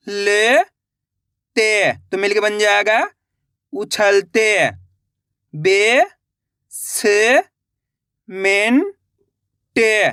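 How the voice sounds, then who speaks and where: A man teaching reading, sounding out each syllable slowly before joining it into a whole word. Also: sits high, sharp tone, smooth, dry recording, studio quality. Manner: slow drawn-out sounding out of syllables, then brisk coaxing to the class.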